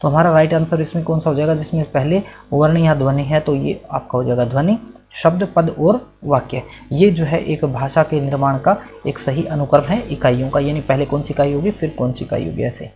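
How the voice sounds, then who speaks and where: A man's voice: fairly high pitch, fairly quick, darkish tone. A male teacher explaining exam quiz answers, asking questions and then answering them himself, often checking that the listener follows. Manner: asks and answers his own questions, checks in with "right?". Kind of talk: exam-prep quiz lesson.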